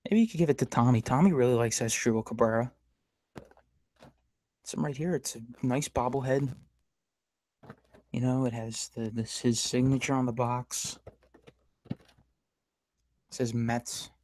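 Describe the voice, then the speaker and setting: A man's voice: medium pitch, unhurried, pauses often, darkish tone. A man hosting a casual podcast, rambling and stammering as he rants about sports rivals. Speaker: podcast host. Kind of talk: casual live-stream chat.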